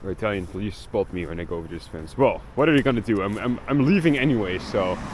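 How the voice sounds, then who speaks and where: A young Belgian vlogger whose first language is Dutch talks fast and expressively in a voice on the low side, rambling about his travels with occasional swearing. He's out on a city street, where faint street noise can be heard.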